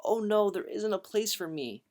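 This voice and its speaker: Storybook little girl, timid and squeaky high, played by a man. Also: animated, normal speed, a little mellow. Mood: worried. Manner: high, small voice.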